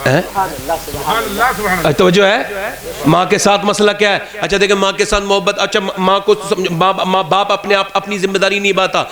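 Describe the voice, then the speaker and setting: A man with an Indian Urdu accent preaching a sermon at a religious gathering, moving from calm storytelling to high shouted climaxes. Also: a crowd in the background.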